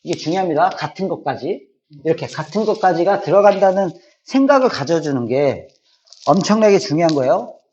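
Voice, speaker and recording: Lively high-voiced male math teacher. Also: a little fast, dull audio. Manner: lively, repeats key points, checks understanding. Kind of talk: classroom math lecture. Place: classroom.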